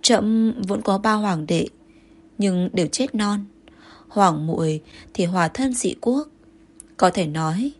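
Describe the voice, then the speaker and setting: A woman voicing a possessive, jealous male emperor who turns between commanding and coaxing, with a breathy voice. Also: mid-range voice, slow, pauses often. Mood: somber.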